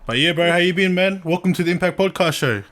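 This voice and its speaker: Man, slightly high pitch, podcast host, casual chat, earnest, slangy, halting repetitions. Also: fairly bright tone.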